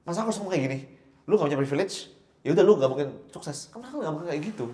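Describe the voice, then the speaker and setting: A man, co-hosting a casual podcast chat, quick to agree and often repeating himself. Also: on the high side, expressive, dark tone, reverberant. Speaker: co-host.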